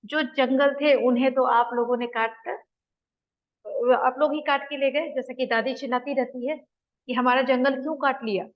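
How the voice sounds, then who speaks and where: A woman's voice: high-pitched, steady tone, moderate pace. A woman teaching a Hindi play, retelling its scenes, reading out the characters' lines and explaining words in simple terms. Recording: dull lo-fi recording.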